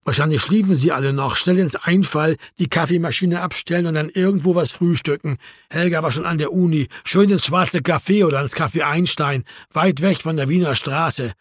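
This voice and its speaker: A man narrating a novel in a wry, even storytelling manner. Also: on the high side, moderate pace, no room sound, clean studio sound. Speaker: audiobook narrator. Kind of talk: scripted narration.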